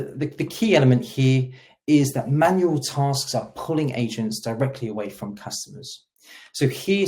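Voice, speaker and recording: A man with a medium-pitched, darkish voice hosts a webinar as a solution engineer, walking through a product demo. He explains things clearly and puts stress on the starts of his sentences.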